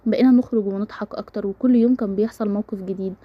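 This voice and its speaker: Rapid-fire Egyptian woman storyteller. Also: mid-range voice, lo-fi sound. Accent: Egyptian Arabic. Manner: brisk, steady first-person narration. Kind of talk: reading a romance story aloud.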